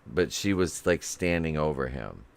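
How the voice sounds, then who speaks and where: Very deep-voiced man telling a ghost story. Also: animated, a little slow, vocal fry, slight background noise. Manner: rambling, with many fillers and quoted dialogue. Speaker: guest. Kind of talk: casual storytelling chat.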